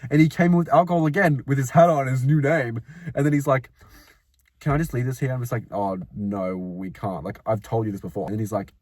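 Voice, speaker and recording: Young man, mid pitch, casual storytelling, laughs and swears a lot. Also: brisk, a little mellow, dry recording. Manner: laughs often, swears, mocks customers. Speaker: podcast co-host.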